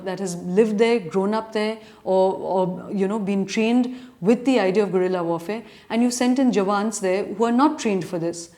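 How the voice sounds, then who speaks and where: A woman's voice: mid-range voice, warm tone. A woman with an educated urban Indian accent, speaking as a journalist answering reader questions, earnest and argumentative in long, considered sentences. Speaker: journalist and editorial commentator. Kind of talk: answering reader questions in spoken editorial commentary.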